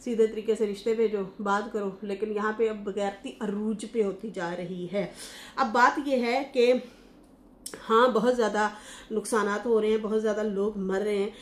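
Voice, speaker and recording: A woman's voice: mid-range voice, fairly even intonation, reverberant. A woman from Pakistan, giving casual, gossipy reaction commentary with many fillers and restarts. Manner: chatty and gossipy, often pauses with fillers and restarts. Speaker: YouTube commentator.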